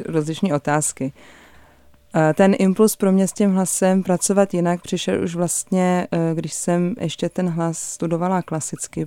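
A young adult woman with a deep, low voice, a voice performer telling her story as a guest in an animated way, with many hesitations. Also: clean tone, no echo. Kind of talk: conversational storytelling.

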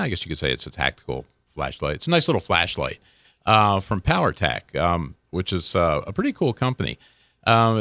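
A man with a very deep voice in a dry, close studio sound. He talks off the cuff like a radio product reviewer, rambling and hesitating as he goes. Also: sharp tone, dry recording. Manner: hesitant, rambling, self-correcting. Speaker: radio show gear reviewer. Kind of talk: unscripted product review chat.

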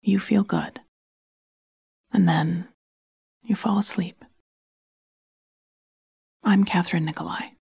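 Breathy, whispery woman, slow and soothing. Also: on the low side, no room sound, clean studio sound. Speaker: sleep podcast host and storyteller. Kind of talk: soft bedtime story narration.

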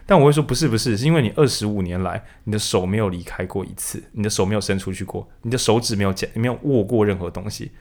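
A man's voice: fairly low pitch, fast talker, hardly any pauses, a little mellow. A man co-hosting a casual book discussion, acting out quotes in raised voices. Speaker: podcast co-host.

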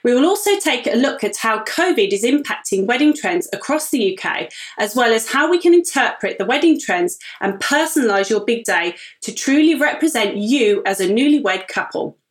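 A woman's voice: fairly high pitch, animated, moderate pace, hardly any pauses. A British-accented woman hosting a podcast, moving from scripted introduction to interview questions in an upbeat, encouraging way. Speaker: podcast host.

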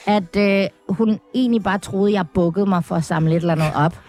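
A woman's voice: medium pitch, a crowd in the background. A woman talking as a podcast guest in casual chat, hesitant and full of fillers, laughing often.

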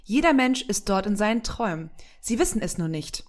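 A woman's voice: mid-range voice, sing-song, a little fast, natural voice. A woman voicing a cheerful, proud female Santa who speaks in a friendly, reassuring way.

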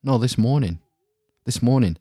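A man's voice: medium pitch, animated, normal speed, warm tone, no room sound, studio quality. A middle-aged man chatting casually as a comedic podcast co-host from inside a small trailer. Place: inside a caravan on holiday. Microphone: online call, close dry sound.

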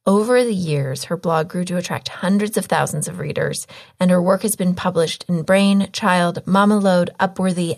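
Slightly hoarse, lower-pitched woman podcast host. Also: a little mellow. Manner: chatty, informal, with frequent filler words. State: slightly hoarse, losing her voice. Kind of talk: casual podcast chat and interview.

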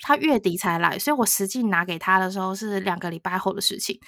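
A woman's voice: mid-range voice, quick pace, dry recording, clean studio sound. Laughing woman telling a story. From Taiwan. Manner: animated storytelling, frequent laughter, quotes others. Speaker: podcast co-host. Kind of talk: casual storytelling chat.

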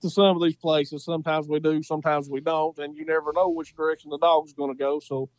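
A man's voice: on the high side, little pitch movement, a little fast, dry recording, rough recording. A man with an Appalachian accent talking casually as an interview guest, telling hunting stories in a folksy way and repeating phrases for emphasis. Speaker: podcast guest, coon hunter.

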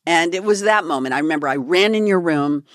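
A woman from California tells a story to her co-host in relaxed, casual chat. She acts out every quote with energy, and her fairly low voice sits close and dry in a quiet studio. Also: fast talker, no echo. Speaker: podcast co-host.

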